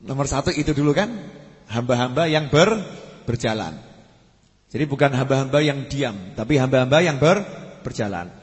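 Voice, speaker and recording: A man giving an Islamic study sermon. He repeats and stretches key words, and his phrases often trail off low. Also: animated, normal speed, long pauses. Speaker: preacher. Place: mosque study hall. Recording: long hall reverb.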